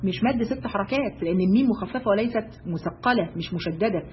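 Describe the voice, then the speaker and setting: A woman with an Egyptian accent giving a religious lesson to women, briskly asking her listeners rhetorical questions. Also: mid-range voice. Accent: Egyptian Arabic. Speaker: religious teacher. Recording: dull lo-fi recording.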